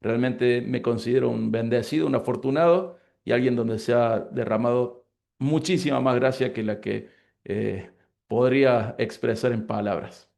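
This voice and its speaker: A man's voice: mid-range voice, creaky, a little mellow. A man in his forties from Córdoba with an Argentine accent, a pastor closing a class with prayer and speaking earnestly about his life and studies. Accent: Argentine Spanish (Córdoba). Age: 40s. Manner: earnest, grateful, unhurried. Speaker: pastor and lecturer. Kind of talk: prayer and interview answers.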